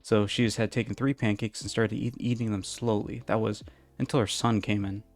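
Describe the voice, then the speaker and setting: A fan fiction reader tells a story in a casual, amateur way, opening with an offhand introduction and then narrating like a storybook. He speaks fairly low and steady, a touch quickly, as soft music plays behind him.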